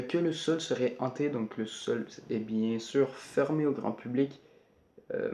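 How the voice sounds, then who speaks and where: A man's voice: mid-range voice, vocal fry, mellow, slight background noise. A man from Canada, talking casually through a list of places while reading his notes, full of hesitations and joking asides. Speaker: YouTuber. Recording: roomy, somewhat dull home recording.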